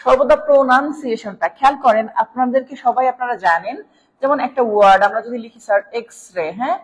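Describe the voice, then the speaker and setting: A woman with a Bangladeshi Bengali accent teaches English grammar live online, speaking quickly in a fairly high voice. She explains step by step, keeps checking in with "right?" and calls her viewers "sir", with long reverb on the audio.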